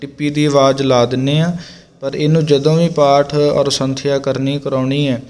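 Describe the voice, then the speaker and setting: A man teaching scripture recitation, calmly explaining pronunciation line by line and sounding out words slowly and deliberately. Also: medium pitch, in a large hall.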